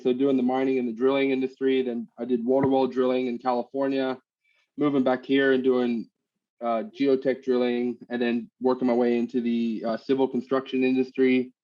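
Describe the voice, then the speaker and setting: This guest, a machine demonstrator and trainer, is an Australian-born man with an American-tinged accent, chatting easily in a casual call interview about his trade. He speaks at medium pitch over dull audio, relaxed yet halting, with plenty of ums and uhs.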